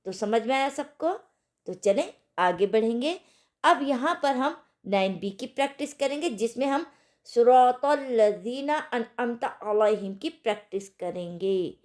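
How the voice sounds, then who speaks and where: Slow, patient woman teaching recitation. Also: fairly high pitch, animated, a little mellow. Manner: slow, patient, drills syllables and recites verses drawn out. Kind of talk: online tajweed lesson.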